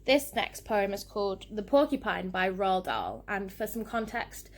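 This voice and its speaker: A woman teacher reads poems aloud to children in a lively, expressive way. Her storytelling is animated and clear. She is the class's regular teacher presenting the poems. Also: medium pitch, measured pace. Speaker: primary school teacher.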